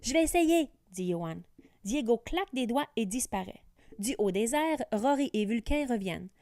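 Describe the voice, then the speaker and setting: Bright-voiced woman reading a storybook. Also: on the high side, moderate pace, no room sound, clean studio sound. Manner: clear, careful diction with lively voices for characters. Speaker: teacher reading aloud. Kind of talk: storybook read-aloud.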